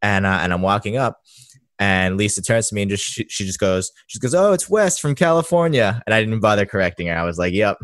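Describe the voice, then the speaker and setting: Low-voiced laid-back male podcast host. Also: fairly quick, dry recording, clean studio sound. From Boston, Massachusetts. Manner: laid-back, relaxed interviewer. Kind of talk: casual podcast conversation.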